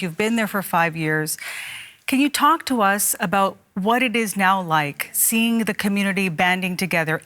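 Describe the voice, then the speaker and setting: A woman interviewing for broadcast news in a sympathetic, measured way. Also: medium pitch, a bit bright.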